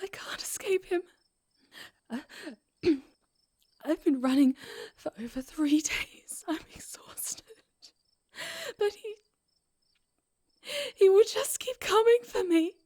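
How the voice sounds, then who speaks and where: A woman's voice: very high voice, lively intonation, slow pace, long pauses, a little mellow, exaggerated voice. A woman voicing a terrified young woman fleeing a man, pleading in a shaky, tearful voice that slips into whispers. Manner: desperate pleading, breaking into whispers.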